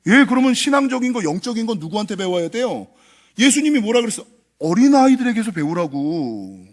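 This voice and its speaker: Animated, high-voiced male pastor preaching. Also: brisk. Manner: animated preaching, acts out scolding parents' voices; asks the congregation questions and answers them. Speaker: senior pastor. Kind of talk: Sunday sermon. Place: church sanctuary.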